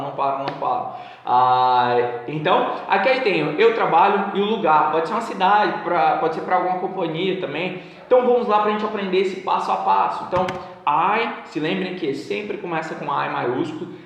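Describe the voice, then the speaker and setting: Man from Brazil, English teacher, slightly high voice, patient repeated examples, very echoey room with long reverb. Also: fairly bright tone, a little hiss or hum. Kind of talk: casual online English lesson.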